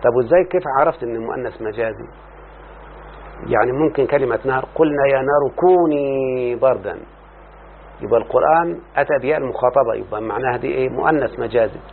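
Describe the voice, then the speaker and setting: A man's voice: medium pitch, very fast, gravelly. A man with an Egyptian accent teaching a classroom lesson on grammar, reading from a text, explaining it and often checking whether his student follows. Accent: Egyptian Arabic. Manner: explains then quizzes the student with repeated checks. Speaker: teacher of Arabic morphology. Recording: tinny lo-fi recording with faint hiss.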